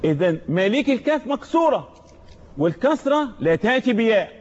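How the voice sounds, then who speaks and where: A man with an Egyptian Arabic accent teaching Quran recitation, patiently explaining letters one by one and chanting verses slowly for students to repeat. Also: high voice, very animated. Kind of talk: tajweed lesson with call-and-repeat recitation. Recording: dull lo-fi recording.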